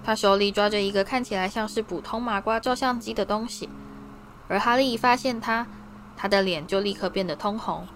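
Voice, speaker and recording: A young adult woman narrating a storybook in a steady, expressive reading voice. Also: mid-range voice, fairly quick, a little hiss or hum. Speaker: audiobook narrator.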